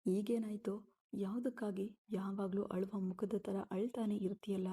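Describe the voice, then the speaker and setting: A woman's voice: mid-range voice, flat delivery, normal speed, warm tone, husky, lightly acted. A woman voicing an angry young husband scolding his wife, read in a storybook style.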